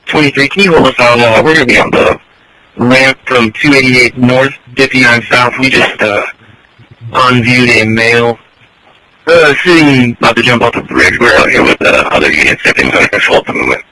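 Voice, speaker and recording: A man's voice: mid-range voice, brisk, background noise. A man, a police officer, heard over a police radio, calling in to dispatch in terse procedural bursts broken by fillers.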